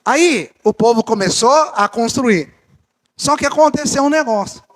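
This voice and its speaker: A man's voice: very high-pitched, expressive, normal speed, fairly bright tone. A man preaching a fervent sermon to a church congregation, addressing them as brothers, his voice swinging up and down. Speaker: pastor. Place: church service.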